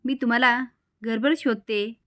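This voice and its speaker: A woman's voice: on the high side, fairly even intonation, a little slow, bright, forceful tone, no echo, clean studio sound. Woman reading as a sly sweet-talking niece. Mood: sugary. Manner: sugary and polite.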